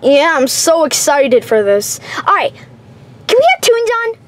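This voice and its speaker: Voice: high-pitched, big pitch swings, measured pace. A young performer voicing an exasperated, bossy rabbit animatronic plush in a homemade puppet video.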